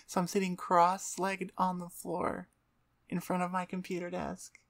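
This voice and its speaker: On the floor by a computer desk, a woman who performs ASMR and hosts her channel gives a casual, self-deprecating outro ramble near her microphone, placed about twelve inches away at eye level. She speaks low and monotone, at a measured pace, with vocal fry.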